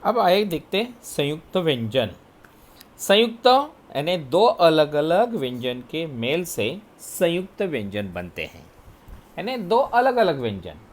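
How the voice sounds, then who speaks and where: A man teaching a grammar lesson, explaining letters and sounds slowly, step by step. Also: on the high side, big pitch swings. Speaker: Hindi teacher. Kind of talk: recorded classroom lesson.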